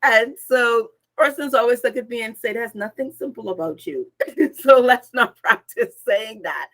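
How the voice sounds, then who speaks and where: Woman, guest speaker, energetic, expressive, video call audio. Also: on the high side, normal speed, rough recording. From Bahamas. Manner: energetic, expressive, listing words in lively runs. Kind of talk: upbeat conversational self-introduction.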